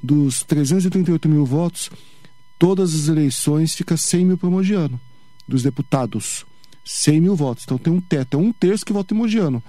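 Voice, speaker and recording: A Brazilian man, a city councilman, speaking as a radio guest in a measured, explanatory way with some hesitations. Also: fairly high pitch, dark tone, dry recording. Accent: Brazilian Portuguese. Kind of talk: radio interview. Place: radio studio.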